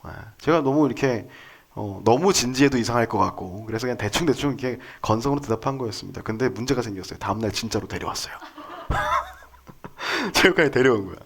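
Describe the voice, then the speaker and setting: A man in his thirties preaching with a lively, swinging pitch. He tells the story casually and jokes along the way, often turning to the congregation with questions. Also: quick pace, gravelly, slightly rough. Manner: conversational, jokey, asks the congregation questions. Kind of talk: sermon with storytelling.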